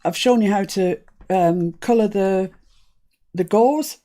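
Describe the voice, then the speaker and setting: Hosting a live crafting stream, a woman born in Scotland chats casually and laughs often over a live-stream microphone. Her voice is medium-pitched and warm, and her pace is slow.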